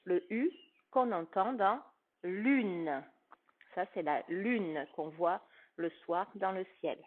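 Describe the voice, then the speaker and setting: Patient woman teacher, slow and clearly spoken, phonics lesson for a child, recorded with a thin phone-line sound. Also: fairly low pitch. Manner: slow, carefully articulated, patient, addressing a child.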